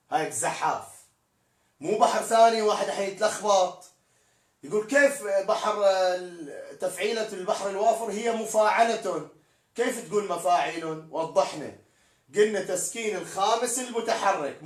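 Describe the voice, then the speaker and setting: A man teaching poetic meter in a live-streamed lesson, spelling out words letter by letter as he explains. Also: high voice. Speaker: poetry teacher. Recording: echoey room, distant mic.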